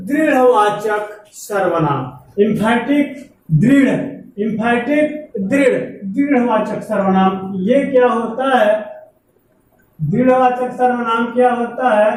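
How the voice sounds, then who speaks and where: Woman teaching grammar, slow and repetitive, spells out examples word by word, faint hum behind her. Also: on the high side, a little mellow. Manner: slow, repeats terms, dictates examples word by word. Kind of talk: classroom grammar lesson. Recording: very echoey room, voice far from mic, faint background hum.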